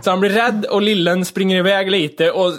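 A man chatting casually, telling a long anecdote in a relaxed, low muttering way. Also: background noise. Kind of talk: casual podcast chat.

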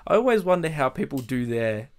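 A man's voice: medium pitch, sing-song, fairly quick. A man co-hosting a casual podcast on a USB mic, laid-back, swearing casually and chuckling often. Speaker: podcast co-host. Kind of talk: casual chat.

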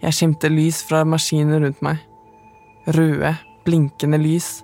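A woman, the podcast's narrator, telling her own story in calm, measured, scripted first-person narration. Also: sits low, faint music behind.

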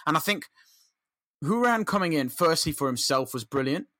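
A man's voice: on the high side, expressive, a little fast, bright, forceful tone, dry recording. A man co-hosting a football podcast, talking earnestly and rambling with restarts. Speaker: podcast co-host. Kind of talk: casual football chat.

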